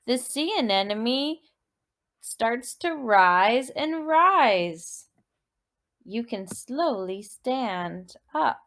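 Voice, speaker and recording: Her voice on the high side, a woman teacher delivers a children's movement story expressively and deliberately, prompting listeners with questions and repeated words.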